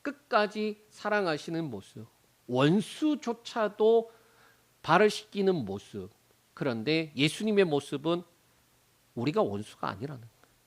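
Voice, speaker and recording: A high-voiced male pastor preaching with a wide, animated pitch range. He talks to his congregation in a familiar, conversational way and acts out the words of the people he quotes as if playing them. The delivery is expressive and lively throughout. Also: measured pace. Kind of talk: sermon. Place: church sanctuary.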